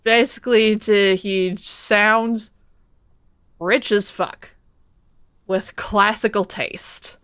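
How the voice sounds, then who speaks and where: A woman streaming a video game, reading out story text and commenting on it in an expressive, theatrical way. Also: mid-range voice, very slow, long pauses, smooth, no room sound, studio quality. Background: music.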